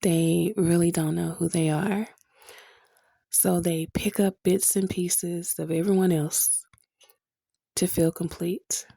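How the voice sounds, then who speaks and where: A woman hosting a motivational podcast, sounding stuffy from a cold, speaking slowly and earnestly to encourage her listeners. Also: fairly low pitch, gravelly, warm tone, breathy edge, no room sound. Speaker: podcast host.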